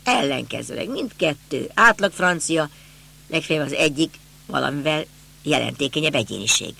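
A man's voice: on the high side, animated, creaky, sharp tone, exaggerated voice. Brief: young male detective, questioning and thoughtful, read by a male narrator. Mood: puzzled.

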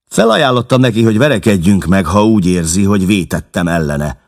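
A man's voice: deep voice, lively intonation, darkish tone, pitched above the performer's own voice. A man voicing a bold, defiant young newcomer who talks in a challenging way.

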